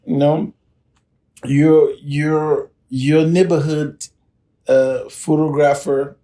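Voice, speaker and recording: A man's voice: a little high, little pitch movement, very slow, warm tone, pitched above the performer's own voice. A man doing a bubbly know-it-all wife, sing-song. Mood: teasing. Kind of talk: casual podcast banter.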